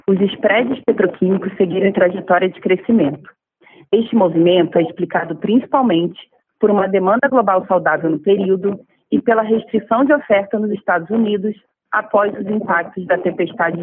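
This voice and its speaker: A woman with a Brazilian accent gives a scripted financial presentation, reading in a formal, measured way. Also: medium pitch, breathy edge. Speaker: investor relations director. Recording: muffled lo-fi conference phone line.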